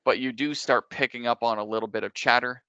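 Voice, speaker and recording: A man working as game master, improvising narration casually and explaining things in a halting, conversational way. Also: mid-range voice, steady tone, sharp tone, smooth, dry recording, dull audio.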